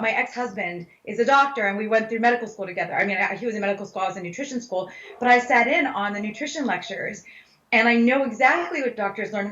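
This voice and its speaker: A middle-aged dietitian answers interview questions in a conversational way, driving her points home by repeating phrases. Her voice is fairly high and a bit bright, and the room sounds roomy and slightly dull.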